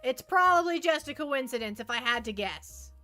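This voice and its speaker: A woman hosts a livestream, chatting casually and playfully with viewers, rambling and often repeating her phrases. Her high voice is animated, pushed and bright, at a normal speed. Faint music plays behind her.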